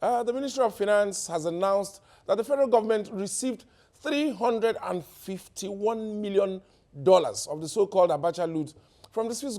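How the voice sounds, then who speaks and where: A man's voice: sits high, dark tone. A man with a Nigerian accent hosting a satirical news show, delivering headlines with wry jokes and laughing at his own punchlines.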